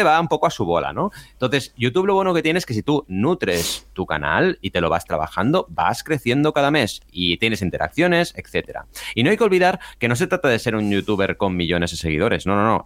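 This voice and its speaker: Lively low-voiced man explaining. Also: no echo. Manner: upbeat, explanatory. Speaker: podcast co-host and marketing guest expert. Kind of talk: casual podcast talk.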